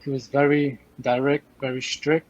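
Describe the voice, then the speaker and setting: A man in his thirties from Afghanistan, a podcast guest, speaks in a direct, measured way and repeats phrases for emphasis. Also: medium pitch, flat delivery, dull audio. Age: 30s. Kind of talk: casual chat.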